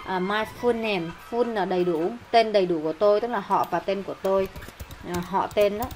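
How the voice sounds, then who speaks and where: A woman with a Vietnamese accent explaining an English textbook lesson, reading English phrases slowly and then translating them. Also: medium pitch, a little mellow, slight background noise, poor audio. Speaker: English teacher.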